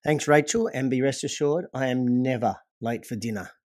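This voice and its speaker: A middle-aged Australian man talks as a podcast guest in a relaxed, joking way, rambling a little through fillers and restarts. His voice sits mid-range and sounds close and dry, with no room around it. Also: mid-range voice, moderate pace, no echo. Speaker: podcast guest, gym owner. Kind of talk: casual interview talk.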